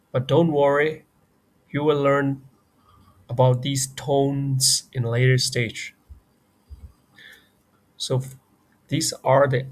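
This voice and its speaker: A man with a Burmese accent, a native Burmese speaker, teaching a beginner language lesson and repeating each example phrase twice. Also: mid-range voice.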